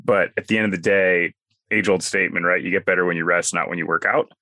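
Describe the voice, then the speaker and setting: A man's voice: low-pitched, fairly even intonation, quick pace, pushed and bright, no echo, clean studio sound. A man hosting a casual podcast, talking in an upbeat, chatty way from inside a small closet he uses as a soundproof booth. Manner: upbeat, chatty, loose phrasing. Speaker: podcast host. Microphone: podcast mic, seated on the closet floor.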